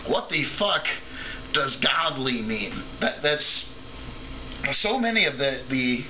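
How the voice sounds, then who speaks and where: A man's voice: mid-range voice, sing-song, slow, sharp tone, a little hiss or hum, rough recording. A man giving an off-the-cuff, drunken, rambling opinion rant as a video blogger, trailing off, restarting and swearing freely.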